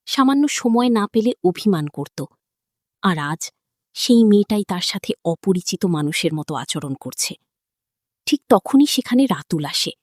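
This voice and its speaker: A woman narrating a recap of a drama episode in an expressive, dramatic storytelling manner. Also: mid-range voice, no room sound, studio quality.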